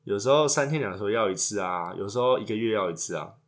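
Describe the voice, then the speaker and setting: A man's voice: fairly low pitch, lively intonation, fast. A man, co-hosting a casual chat and trading crude jokes. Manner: joking, crude banter. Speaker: podcast co-host.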